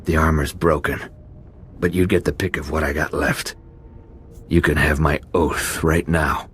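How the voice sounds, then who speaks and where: Very deep, slow pompous pirate warlord. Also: male voice, flat delivery, fairly bright tone, slight background noise. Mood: bargaining. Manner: pompous, grandiose. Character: boastful, menacing male pirate warlord captain. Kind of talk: video game villain acting.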